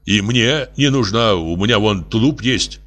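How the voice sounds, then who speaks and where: A man's voice: lowish voice, expressive, measured pace, fairly bright tone. A man voicing a simple, blunt plumber who barks orders in plain words.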